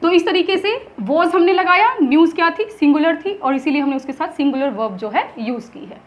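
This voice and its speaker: A woman teaching English grammar in Hindi, asking and answering her own questions and dictating examples slowly. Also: very high-pitched. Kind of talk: classroom lesson in Hindi.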